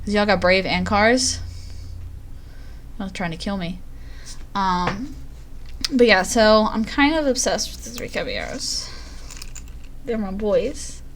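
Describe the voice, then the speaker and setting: A woman's voice: mid-range voice, animated, slow, pauses often, slight background noise. Chatty self-deprecating woman streamer. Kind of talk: casual live-stream chat.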